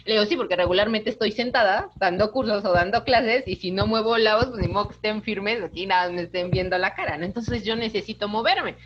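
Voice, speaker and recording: A woman, an instructor giving a lively online lecture, talking with her hands. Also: mid-range voice, fairly quick, hardly any pauses, lo-fi sound, noisy background. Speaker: course instructor.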